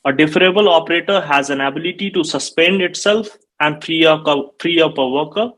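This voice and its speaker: A software engineer from Nepal, in his thirties, delivers a technical conference talk over webcam from an indoor home or office room, framed like a video call. He talks briskly in a fairly high, slightly bright voice, explaining steadily with frequent "uh" fillers, and the recording is low quality.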